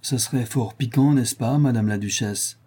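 A man's voice: mid-range voice, normal speed, warm tone, husky, natural voice. A man voices a sardonic, insolent young viscount with a dry, ironic, mocking tone.

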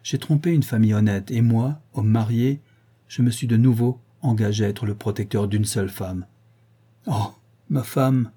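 A man's voice: fairly low pitch, moderate pace, warm tone, breathy edge. A man reading the part of a proud English major, pleading in an impassioned, declamatory way. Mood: anguished.

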